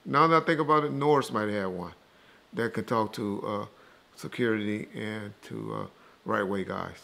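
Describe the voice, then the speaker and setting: On the low side and at normal speed, his voice shows vocal fry and sounds pushed and bright. The man is an interview guest rebutting rumors, bluntly dismissive and emphatic, swearing freely and repeating himself in casual, opinionated talk.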